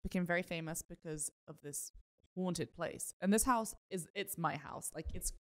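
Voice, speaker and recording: Chatty British woman, lowish voice. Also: normal speed. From United Kingdom. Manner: explanatory, chatty, trails off and restarts. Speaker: co-host. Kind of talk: casual podcast chat.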